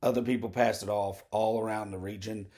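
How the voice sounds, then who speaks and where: Man, lowish voice, hoarse, rambling political monologue host. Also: fairly even intonation, fairly quick, mellow. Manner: candid, digressive, many fillers and tangents. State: slightly hoarse, throat clearing. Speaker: host of a political commentary show.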